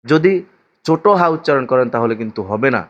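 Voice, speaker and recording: A man's voice: mid-range voice, expressive. A man teaching Quran recitation, drawing out each phrase. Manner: drawn-out melodic chanting alternating with rapid explanatory speech. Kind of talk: Quran recitation lesson with slow chanting and quick spoken corrections. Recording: slightly dull recording with faint music.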